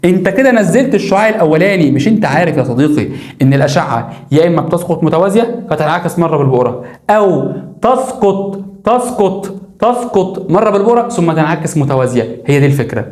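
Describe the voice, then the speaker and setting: A man's voice: a little high, expressive, rapid-fire, darkish tone, echoey room. A male science teacher with an Egyptian Arabic accent, explaining a lesson emphatically, repeating key words and asking the viewer questions. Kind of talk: classroom lesson explaining diagrams.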